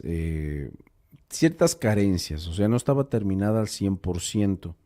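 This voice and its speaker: Man, deep voice, dark tone, casual storytelling, hesitant fillers. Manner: unhurried, hesitant with fillers and restarts.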